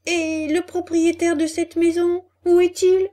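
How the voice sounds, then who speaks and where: A woman voicing a cheeky, excitable puppet boy in a storybook reading, with a high, loud, exclamatory delivery. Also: a little slow. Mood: pleading.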